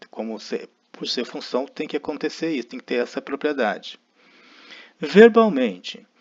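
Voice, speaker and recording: A man with a Brazilian Portuguese accent teaching a math lesson, explaining step by step and often checking in with his listeners. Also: mid-range voice. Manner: explanatory, frequent tag questions, thinking aloud. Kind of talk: recorded lecture. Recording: dull lo-fi recording.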